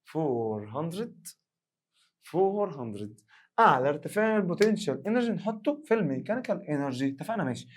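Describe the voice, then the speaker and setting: This young man, whose accent is Egyptian Arabic, has a slightly high voice with big pitch swings. He leads a recorded science revision lesson, bantering with imagined students and taking the English questions at a slow reading pace.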